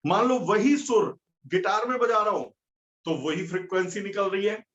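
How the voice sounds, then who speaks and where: A man with a fairly high voice gives a physics lecture. He explains each point step by step and keeps asking his students questions. The recording sounds dull and lo-fi. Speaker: physics teacher. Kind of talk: classroom lecture.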